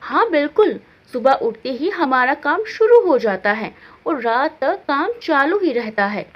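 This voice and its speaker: A tired young daughter-in-law in a family storybook, voiced by a woman narrator, complaining and put out. The voice is high and lively. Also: measured pace, highs cut off.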